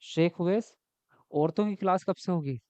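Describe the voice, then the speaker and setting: High-voiced chatty male teacher. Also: moderate pace, warm tone, no room sound. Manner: chatty, keeps asking "right?" and answers chat comments. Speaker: exam prep teacher. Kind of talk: live online class lecture. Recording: dull lo-fi dry sound.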